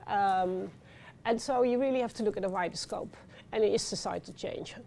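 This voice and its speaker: A middle-aged Dutch woman with a Dutch accent speaking on a conference panel, animated, with many fillers and restarts. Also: mid-range voice, moderate pace, gravelly, a little hiss or hum. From Netherlands. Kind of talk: panel discussion talk. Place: conference venue.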